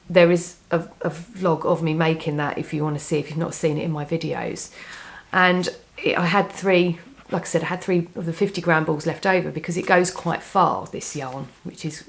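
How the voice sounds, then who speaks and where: Slightly croaky from a cold, a woman who vlogs about knitting talks casually to the camera about what she plans to knit. She rambles with frequent restarts, in a low voice.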